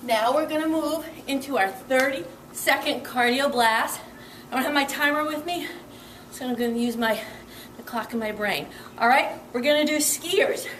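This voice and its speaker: A woman's voice: sits high, a bit bright, roomy sound, far from the mic, a little hiss or hum, poor audio. A young woman leading a workout as fitness instructor, upbeat and encouraging, counting reps and a little out of breath.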